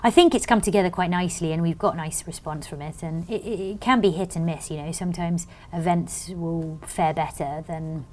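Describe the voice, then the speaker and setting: Give me a bubbly British woman telling a story in a lower voice. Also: fairly quick, hardly any pauses, a little mellow. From Britain. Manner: bubbly, tumbling storyteller with many restarts. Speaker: magazine editor, guest. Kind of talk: lively interview chat.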